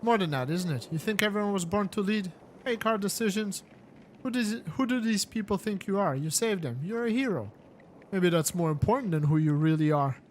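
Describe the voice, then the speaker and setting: A man's voice: high voice, lively intonation, fairly quick, a little hiss or hum. A man voicing a sly, mocking male warlord in a story-driven game, speaking in a theatrical manner.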